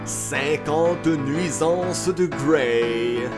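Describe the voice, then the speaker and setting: Casting: female announcer, fairly low voice, extremely slow title reads over loud guitar music. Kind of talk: drawn-out segment title announcement. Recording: loud plucked-string music behind.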